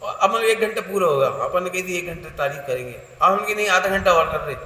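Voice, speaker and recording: A man's voice: sits high, lively intonation, a little fast, pushed and bright. A man preaching a sermon, playful and laughing, quizzing listeners by name. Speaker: Jain preacher leading a workshop. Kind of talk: sermon with audience questions. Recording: echoey hall with faint noise.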